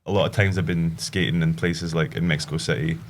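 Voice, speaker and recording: A man's voice: deep voice, steady tone, fast. A man who is a guest on a podcast, telling stories in an easygoing, rambling way. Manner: rambling, easygoing, many fillers. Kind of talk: casual chat.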